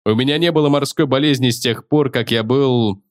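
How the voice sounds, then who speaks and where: A man voicing a gruff, seasick copilot and former navy man who wheezes out his words in a slow drawl, as an audiobook character voice. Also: medium pitch, dry recording, studio quality, natural voice.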